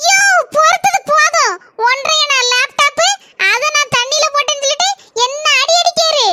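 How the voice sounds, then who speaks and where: A woman's voice: extremely high pitch, moderate pace, heavy background noise. A woman with a Kanyakumari Tamil accent voicing a brash, hot-tempered young village wife in a cartoon. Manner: brash, defiant.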